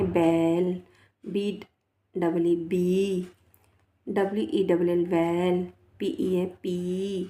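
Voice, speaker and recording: A woman's voice: medium pitch, vocal fry, dark tone, roomy sound. A woman teacher with a Rajasthan Hindi accent, giving a children's phonics lesson. She spells each word out letter by letter, repeats it, and coaxes her pupils along. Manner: slow, spells words letter by letter and repeats them; coaxing, often adds 'है ना' and 'बेटा'.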